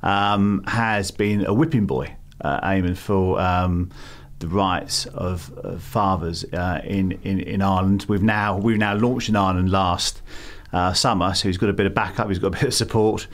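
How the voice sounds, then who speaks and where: This guest, a middle-aged English campaign founder with a London accent, responds to interview questions with lots of fillers and restarts. He speaks at a moderate pace with hardly any pauses, in a low-pitched voice with fairly even intonation.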